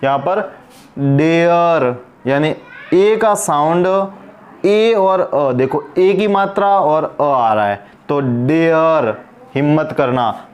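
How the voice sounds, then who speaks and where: Repeating every word, a man with a voice on the high side gives an English pronunciation lesson, posing questions and supplying the answers himself.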